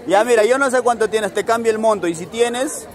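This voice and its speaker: A young man is filming a street challenge vlog at night on a busy city street, coaxing strangers along upbeat and often laughing. His voice is high-pitched and fairly quick. A handheld camera follows him, picking up crowd chatter and passing traffic.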